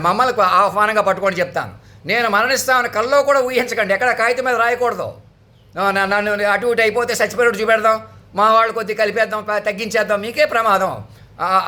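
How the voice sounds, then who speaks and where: Commanding high, bright-voiced man preaching. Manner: commanding, declamatory, repetitive. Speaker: self-styled spiritual leader. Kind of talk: proclamatory sermon.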